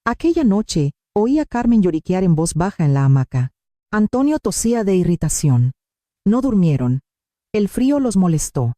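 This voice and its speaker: Calm, measured woman narrator for a scripted story; very dark, dry sound. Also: mid-range voice, dry recording. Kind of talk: scripted first-person narration.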